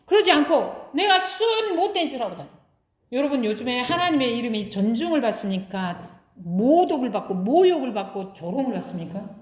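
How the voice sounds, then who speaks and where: A woman's voice: fairly high pitch, sing-song, brisk. A woman pastor preaching a sermon, putting rhetorical questions to her congregation and answering them herself. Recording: echoey room.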